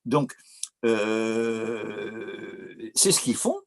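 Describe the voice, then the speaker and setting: A man's voice: fairly low pitch, extremely slow, gravelly. A man with a Corsican accent giving an informal, digressive lecture on opera, with frequent hesitations and restarts. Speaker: philosophy lecturer.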